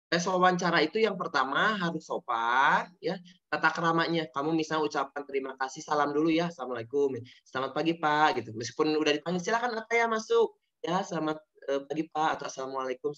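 A man's voice: fairly high pitch, lively intonation, fast talker, fairly bright tone. Patient male teacher. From Indonesia. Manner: patient, repeats key terms, asks students questions. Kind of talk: online science lesson. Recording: dull lo-fi online audio.

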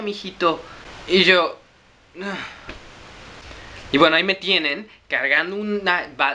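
A man vlogging, telling a comic story in a rapid, exaggerated way, often correcting himself. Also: mid-range voice, pushed and bright, a little hiss or hum.

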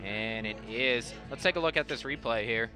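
A man's voice: medium pitch, normal speed, over loud music. A young American man giving live football analysis as a color commentator.

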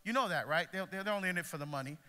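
A middle-aged man from Barbados, a deacon, preaching with animated, emphatic energy to a school audience. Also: high voice, racing, smooth. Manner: animated, emphatic, moves around the stage. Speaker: deacon speaker. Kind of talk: passionate preaching talk. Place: large school pavilion, indoors. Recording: long hall reverb.

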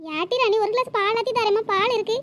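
A woman voicing a caring elder sister-figure in a cartoon, who coaxes and scolds with a very high, squeaky voice. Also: fast talker, a bit bright, slight background noise. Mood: coaxing, fussing. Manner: fussing, coaxing, motherly scolding. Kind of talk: cartoon voice acting.

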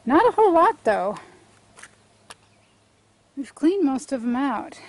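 Middle-aged gardener lady, bit high-pitched, throat a little clogged, rambles with lots of ums outdoors. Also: sing-song, slow pace. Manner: chatty, thinks aloud with many fillers and restarts. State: throat congested from allergies. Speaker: homestead gardening vlogger. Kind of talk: casual garden walkthrough. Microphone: handheld camera at arm's length.

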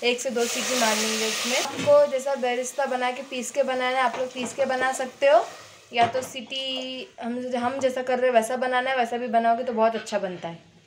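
A woman with a high voice hosts a casual cooking video from her home kitchen. She talks the viewer through each ingredient in a chatty, step-by-step way, recorded on a phone with faint frying noise behind her. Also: fairly even intonation, normal speed. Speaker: cooking channel host.

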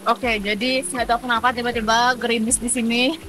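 A woman's voice: a little high, little pitch movement, brisk, music in the background. Chatty upbeat young-sounding woman vlogger. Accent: Indonesian. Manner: chatty, upbeat, with many fillers. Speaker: travel vlogger. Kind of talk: casual travel vlog. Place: outdoors at a waterfall.

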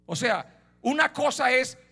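A male pastor preaching a sermon in an animated way, often shouting and acting out the characters in his story. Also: extremely high pitch, a little slow, vocal fry, husky.

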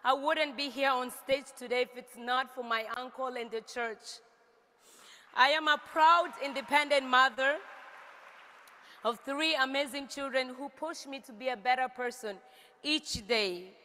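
A woman from South Sudan reading an emotional, grateful success speech on a large stage, sometimes rising to shouts. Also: sits high, measured pace. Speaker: stage speaker at a company event. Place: large stage with reverberant hall. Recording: long hall reverb from stage.

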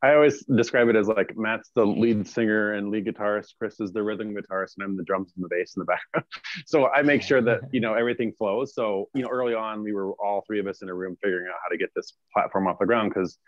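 A man's voice: on the low side, steady tone, fast talker, no echo, highs cut off. A man in his forties, a startup cofounder, talking casually with many fillers in a video call interview from a small office.

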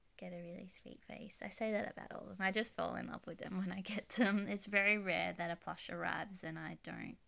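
A woman briskly shows off the plush toys on display in her bedroom, speaking off-camera on a handheld phone in a gushing, chatty way with soft giggles. Her voice is on the low side, steady in tone, and slightly croaky from illness.

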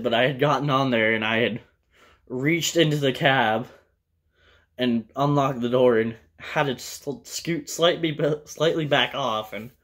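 In a small room with a bare wall behind him, a young American vlogger with a medium-pitched voice tells a personal story to camera. His delivery is loose and halting, the story wanders, and he drops plenty of profanity.

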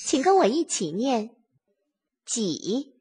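Female children's teacher, slow and very lively, singsong, reading-to-a-toddler delivery, music behind. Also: fairly high pitch, husky. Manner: slow, repeats words for listeners to follow. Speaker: children's literacy teacher and narrator. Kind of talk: scripted lesson narration for small children.

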